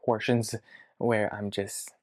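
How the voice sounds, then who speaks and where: A man of about twenty talking to his future self in a video diary from his childhood bedroom, hesitant and reflective, pausing to think aloud. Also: fairly low pitch, little pitch movement. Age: around 20. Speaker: vlogger.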